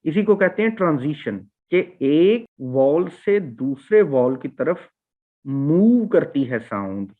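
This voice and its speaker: A man teaching English phonetics in a recorded classroom lecture, slowly repeating vowel sounds to demonstrate them. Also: on the high side, very animated. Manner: slow, repetitive, demonstrating vowel sounds aloud. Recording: tinny, phone-like lo-fi audio.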